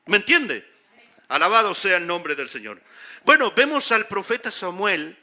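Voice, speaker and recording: A man's voice: high-pitched, sharp tone. A man preaching a sermon as pastor, emphatic and full of rhetorical questions to his congregation. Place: church sanctuary.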